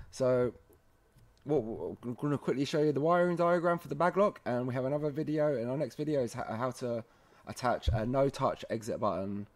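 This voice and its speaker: This one features a man whose medium-pitched voice is a little mellow. He runs through an installation tutorial in a relaxed, informal way, addressing the viewers directly as "guys."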